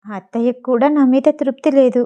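A jealous, scheming young wife in an audio storybook, read by a woman narrator, sounding bitter and commanding. The voice sits fairly high, with a mellow, warm tone. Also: a little fast, dull audio, close to an everyday voice.

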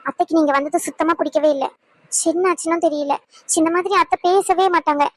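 A timid young daughter-in-law from a cartoon. She speaks in soft, hesitant, apologetic phrases. Her voice is high and dry. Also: fairly even intonation, fairly quick, no echo, rough recording. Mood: worried. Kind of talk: cartoon voice acting.

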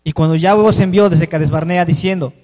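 A man reading scripture aloud in a loud, formal way. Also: on the high side, fairly even intonation, fairly quick, long reverb tail. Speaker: scripture reader.

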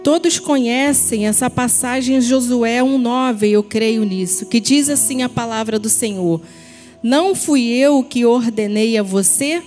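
A woman in her thirties preaching a sermon from a church pulpit into a handheld mic, earnest and deliberate, addressing the listeners as brothers and sisters. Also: fairly high pitch, a little mellow, soft background music. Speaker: ministry team member preaching. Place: church stage at a pulpit, indoors.

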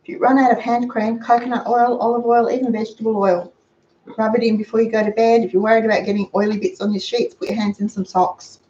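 An older Australian woman hosts a frugal cooking channel, chatting through a demonstration in her home kitchen and offering practical money-saving tips. Her voice sits on the high side with a level tone and a dark quality, and she talks fast. A fixed camera across the counter picks her up in a roomy, dull lo-fi recording with slight background noise.

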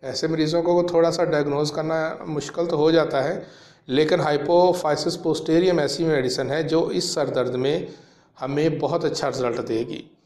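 Man in his thirties, slightly high voice, measured explainer, echoey small room. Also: steady tone, a little mellow. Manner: explanatory, measured, with frequent fillers. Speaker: homeopathic practitioner. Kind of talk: educational talk to camera.

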